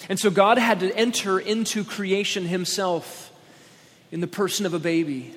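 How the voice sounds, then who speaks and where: Male pastor at a pulpit microphone, slightly high voice, emphatic sermon delivery, long church reverb. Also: steady tone, fairly bright tone. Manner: emphatic, slowing down on key words.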